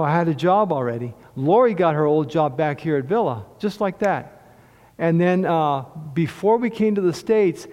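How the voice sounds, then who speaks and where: A man's voice: on the high side, a little mellow, in a large hall. A middle-aged man giving a sermon testimony, telling his story in a conversational way with frequent restarts. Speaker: lay preacher sharing testimony.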